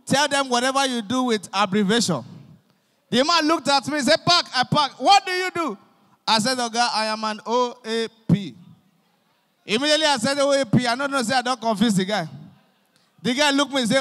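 A young man with a Nigerian accent doing animated stand-up comedy in Pidgin, acting out his characters, on a handheld mic on a concert stage. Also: very high voice. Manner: animated storytelling, acting out police and pastors. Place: large concert stage with live audience. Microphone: handheld microphone. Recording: long reverb of a large hall.

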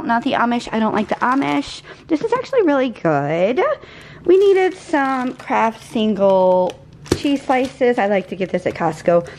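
A vlogger in her forties chats casually in her home kitchen while showing off her groceries in a haul video. Her fairly high voice comes with a little hiss or hum, and she's chatty and rambling, easily sidetracked.

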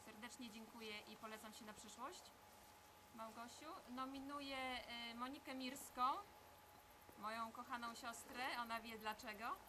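High-voiced woman, noisy outdoor recording. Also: fairly even intonation, moderate pace. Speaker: challenge participant addressing the camera. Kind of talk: casual spoken address to camera. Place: outdoor garden, lawn. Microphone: camera several metres away.

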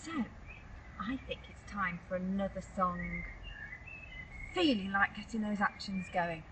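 Woman children's leader, gentle encouraging prayer, recorded outdoors from a distance with background noise. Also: mid-range voice. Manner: slow, clear and encouraging. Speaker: children's holiday club leader. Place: outdoors in a garden by a tent.

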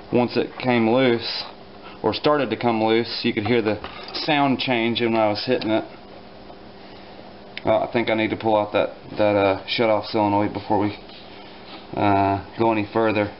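A man casually explaining a small engine repair in his home garage, relaxed and dryly joking, with plenty of fillers as he works. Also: fairly low pitch, muffled recording, a little hiss or hum. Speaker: repair instructor. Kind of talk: casual hands-on repair tutorial.

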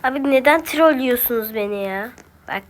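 A woman with a Turkish accent streams her gameplay, grumbling and talking to herself as she plays in casual commentary. Her voice is fairly high, expressive, and brisk.

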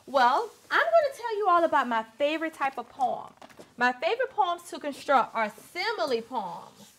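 Woman acting cheery kids tv teacher, broad singsong, swoops around, high voice. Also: very animated, normal speed, fairly bright tone. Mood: upbeat, teaching. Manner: broad singsong kids' theatre delivery. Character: cheerful, encouraging woman poetry teacher, Miss Kim. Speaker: teacher, show's star. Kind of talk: scripted children's show acting. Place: indoor TV studio set, light music behind.

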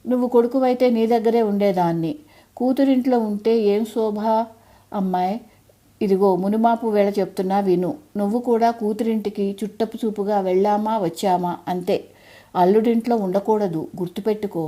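A frail elderly mother from an audiobook, proud, lonely and quick with a wry scolding, as a woman reader puts her on. She talks in homely, old-fashioned phrases. Her voice sits very dark and mellow. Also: on the high side, lightly acted. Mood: wry chiding.

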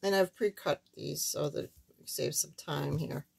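An older woman with a thin, squeaky, slightly hoarse voice, giving a casual, halting card-making demonstration. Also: darkish tone. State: hoarse while recovering from surgery. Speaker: craft tutorial host. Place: indoors at a wooden craft table, camera overhead.

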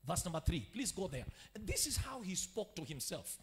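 A man with a Kenyan accent preaching a sermon as pastor, swinging from quiet teaching to shouted declarations and calling for amen. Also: high-pitched, very animated, normal speed, gravelly.

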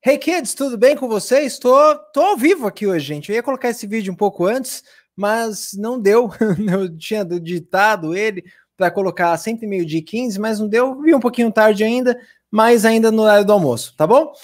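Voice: mid-range voice, moderate pace. An English teacher with a Brazilian Portuguese accent giving a chatty, upbeat live online lesson and talking straight to the viewers.

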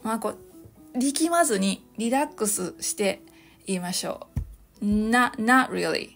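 A woman hosting a solo podcast lesson on English phrases. She explains cheerfully and slowly models each phrase in English. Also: mid-range voice, lively intonation. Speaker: English teacher, podcast host. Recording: light background music.

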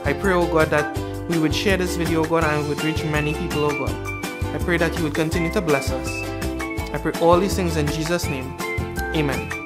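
A young man hosting a children's Sunday school session and leading a prayer, calm and friendly. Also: on the high side, a little fast. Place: studio with green screen. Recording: music playing underneath.

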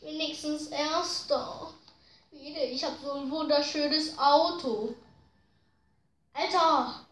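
A woman giving slangy, excitable commentary while playing a racing game, groaning and pleading at the screen. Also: high voice, slow, a little hiss or hum. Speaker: gaming video host. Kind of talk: casual gameplay commentary. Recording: roomy echo.

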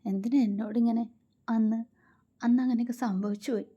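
A woman reading a story aloud, voicing a hurt young woman who pleads softly with her lover. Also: a little high, steady tone, a little fast, highs cut off, voice pushed up, close to an everyday voice. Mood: pleading.

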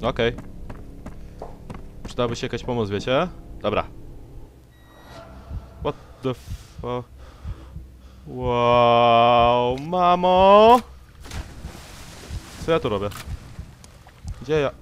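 A man's voice: mid-range voice, slow pace, long pauses, a little hiss or hum. A young man doing let's play commentary, sarcastically talking back to the enemies on screen. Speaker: gameplay commentator.

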